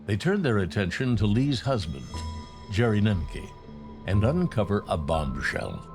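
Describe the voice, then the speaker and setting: A man reading scripted true crime narration in a dramatic, measured storytelling delivery. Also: lowish voice, big pitch swings. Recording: music playing behind the narration.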